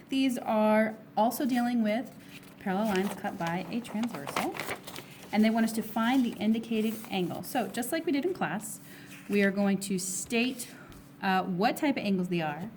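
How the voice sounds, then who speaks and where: Hoarse woman teacher walking through math. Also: mid-range voice, a little mellow, slight background noise. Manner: steps through problems, asking and answering her own questions. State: hoarse, losing her voice, with coughs. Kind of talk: recorded test review lesson.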